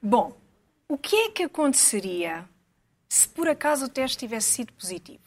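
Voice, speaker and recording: A woman with a European Portuguese accent co-hosts a loose panel talk. Her voice sits a little high, and her humor runs dry and ironic. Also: sing-song, moderate pace. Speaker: talk show co-host. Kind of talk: casual panel chat.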